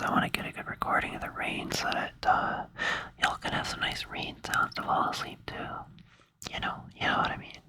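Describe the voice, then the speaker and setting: An ASMR creator whispers breathily right by the microphone, rambling along in a sleepy, hesitant voice that feels playful and soothing.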